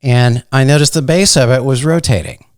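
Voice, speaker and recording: A man with a Midwestern accent, a meteorologist guest telling stories in a casual, unhurried way with many fillers. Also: medium pitch, no room sound, clean studio sound. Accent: Midwestern American. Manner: soft-spoken, unhurried, fond of fillers. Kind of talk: casual interview storytelling.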